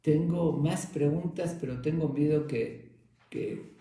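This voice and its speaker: A man's voice: fairly high pitch, slow, mellow, recorded from a distance, voice pushed up. A man voicing a provocative young man who pesters with silly questions in a mock-innocent way, in a very echoey room. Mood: pestering.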